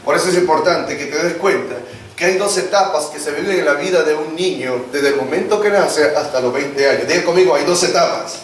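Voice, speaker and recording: High-voiced preacher in an echoey hall. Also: male voice, brisk, slight background noise. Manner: call-and-response preaching, acts out family dialogues. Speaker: pastor. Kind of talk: sermon. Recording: echoey church hall, distant mic, congregation.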